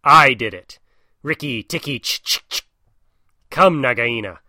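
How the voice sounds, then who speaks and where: A man voicing a brave young male mongoose who shouts proud challenges in a storybook reading. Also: mid-range voice, measured pace, no echo, clean studio sound, exaggerated voice. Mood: boastful. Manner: excited, loud, proud.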